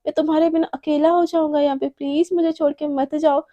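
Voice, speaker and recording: A woman's voice: high-pitched, flat delivery, fast talker, dark tone, dull audio, lightly acted. A woman voicing a smug young male college student in a told story, pleading and wheedling.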